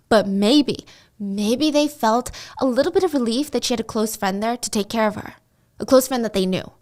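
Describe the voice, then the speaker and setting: Chatty woman telling a story, slightly high. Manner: chatty, with conversational asides and rhetorical questions. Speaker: commentary host. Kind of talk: casual storytelling while drawing.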